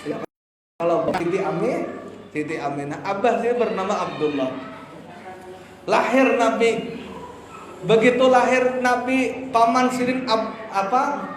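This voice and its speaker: A man with a Banjar accent giving a religious lecture, lively and joking with his audience, which he addresses as "Bu". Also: high-pitched, unhurried, long pauses, crowd noise. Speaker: preacher. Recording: echoey hall with faint noise.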